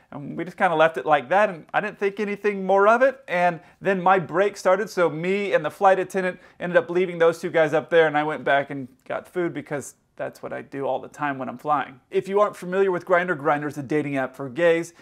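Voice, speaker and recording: Male pilot in his thirties, slightly raised pitch, chatty vlog storyteller on camera from a hotel room. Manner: animated, acts out other people's lines in quick quoted bits. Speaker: airline pilot telling stories.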